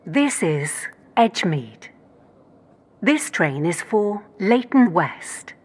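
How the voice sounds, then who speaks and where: A woman giving scripted train station announcements to passengers in a measured, formal, segmented way. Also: very animated. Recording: loud train noise over announcement. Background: rumbling train ride ambience.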